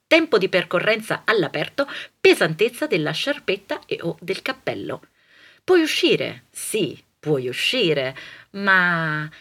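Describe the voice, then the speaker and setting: Soprano lady doing a comic monologue, slow and theatrical, voice swoops all over. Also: slightly rough. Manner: theatrical, ironic, lively swings in pitch and loudness.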